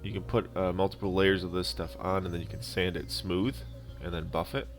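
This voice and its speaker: A deep-voiced man narrates a casual DIY prop-making tutorial in a flat, halting way, explaining without a script. Instrumental music plays behind his voice-over.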